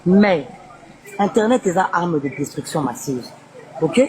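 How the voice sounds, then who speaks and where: A woman's voice: on the low side, lively intonation, unhurried, crowd noise, rough recording. A woman guest speaking insistently and emotionally in a live interview, mixing French and Lingala. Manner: pleading, insistent, switches between French and Lingala.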